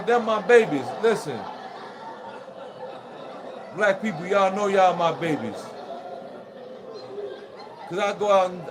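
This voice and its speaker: Vlogger type: man with a high voice, loose and foul-mouthed, chuckling between lines over loud hiss and crowd chatter. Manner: profane, rambling, laughs through his talk. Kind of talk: casual monologue to viewers. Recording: noisy recording with crowd chatter behind.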